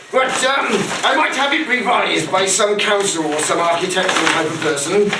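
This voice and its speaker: High voiced guy, crude rambling comedy bit, echoey noisy room. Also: distant mic. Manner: rambling, swearing, mock-instructional. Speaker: comic performer.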